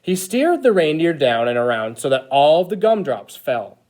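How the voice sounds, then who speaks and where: A man playing an eager, childlike Christmas elf who reads a picture book to children in an expressive, exaggerated way. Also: fairly high pitch, moderate pace. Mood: eager storytelling. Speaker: storyteller reading to children. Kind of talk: animated picture-book read-aloud.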